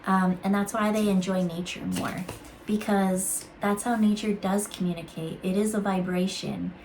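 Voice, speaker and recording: Woman, spiritual card reader, musing and halting, mid-pitched voice, faint background noise. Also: steady tone, darkish tone, low-quality recording. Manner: musing, halting, many fillers and restarts. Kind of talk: casual spiritual card reading.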